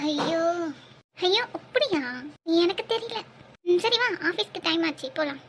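A man voicing a hurried, bossy young woman in a cartoon. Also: very high voice, lively intonation, a bit bright, pitched above the performer's own voice, heavily acted. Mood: brisk. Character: brisk young woman heading to the office. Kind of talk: cartoon voice acting.

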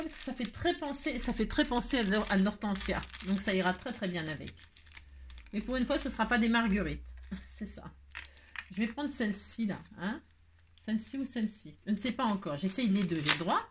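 A woman's voice: mid-range voice, a little hiss or hum. A woman with a French accent hosting a card-making tutorial, chatting and thinking aloud as she works, with frequent delighted exclamations. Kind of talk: casual crafting tutorial.

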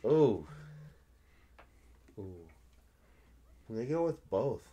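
Brief: young male co-host, wisecracking and mock-outraged, animated pitch. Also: takes it slowly, lo-fi sound, a little hiss or hum. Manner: joking, mock-indignant. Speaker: podcast co-host and quiz contestant. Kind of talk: casual chat.

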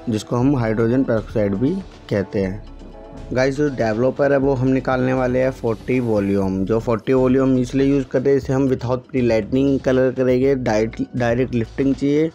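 A man's voice: medium pitch, warm tone. A man who runs a salon channel, explaining a hair colouring job step by step and often calling the viewers "guys". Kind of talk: hands-on tutorial narration. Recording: dull lo-fi audio with faint music.

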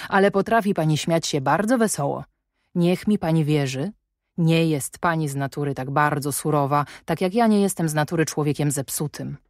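In an audiobook, a woman voices an ironic, commanding middle-aged English gentleman, measured, wry and probing in manner. Her natural voice sits low, and the studio sound is clean with no echo.

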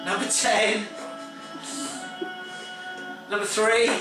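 A man's voice: sits high, flat delivery, extremely slow. A man, hosting a prize draw in a casual, upbeat way and calling out numbers and names. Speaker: website host running a prize draw. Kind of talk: casual announcing. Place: small office, indoors. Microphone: far camera. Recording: echoey office from far off with music. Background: pop music playing.

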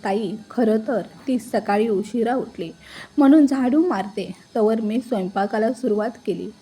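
A sharp-tongued middle-aged mother-in-law, as a woman storyteller puts her on, scolding in a slightly high, breathy, mellow voice. Her taunts come quick and cutting.

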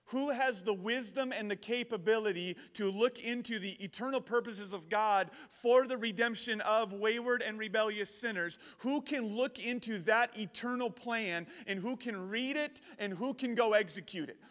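A man's voice: sits high, moderate pace, hardly any pauses, fairly bright tone. A man giving a casual youth sermon, often repeating words as he builds his points. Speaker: camp speaker. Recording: long hall reverb.

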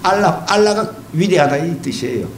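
Animated preacher man in an echoey hall. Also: fairly high pitch, normal speed, slight background noise. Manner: emphatic, repeats key phrases; fires rhetorical questions at the congregation. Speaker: pastor. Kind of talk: sermon.

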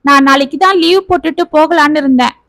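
A woman voicing a hurried, sarcastic grown son in a family story. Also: high-pitched, a bit bright, no room sound, clean studio sound. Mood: curt. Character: curt grown son, dismissive brother.

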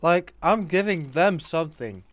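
Groggy from anesthesia after having his wisdom teeth removed, a young adult game streamer casually comments on the game he's playing and jokes with teammates from a small room at home. His slightly high voice is animated but a little slow, and the dry recording carries clear gunfire and clicking behind him.

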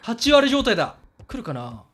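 A man commentating a horror game, excitable, talking to himself, often shouting and laughing. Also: very high-pitched, a little fast.

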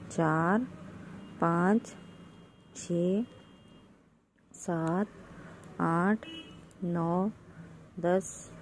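A woman teaches knitting step by step, talking slowly and patiently and counting each stitch out loud. Her fairly low voice is warm and gravelly. A faint room hum sits behind her. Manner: addresses viewers as friend. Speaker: knitting tutorial host. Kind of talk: step-by-step craft instruction.

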